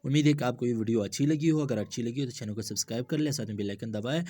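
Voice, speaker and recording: A man teaching English homophones in a slow, repetitive explanatory lesson, spelling words out letter by letter and mixing English terms into Hindustani with Urdu vocabulary. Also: medium pitch, warm tone, no echo.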